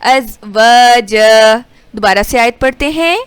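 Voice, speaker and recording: A woman teaching Quran recitation rules, explaining quickly and then reciting verses slowly and drawn out. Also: a little high, clean tone, no echo. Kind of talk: tajweed lesson with recitation.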